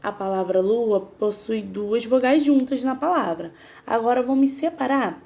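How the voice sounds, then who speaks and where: A woman with a slightly high, warm voice, lively intonation, and vocal fry teaches grammar. Patiently, she spells syllables out slowly and asks her students questions.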